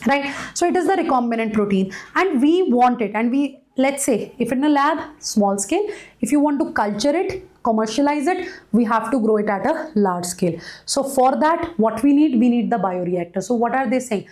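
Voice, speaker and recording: A woman's voice: a little high, lively intonation, moderate pace, a little mellow. A woman with a North Indian accent teaching an online class, repeating phrases for emphasis and checking with students as she lectures. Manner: repeats phrases for emphasis, mixes in Hindi asides.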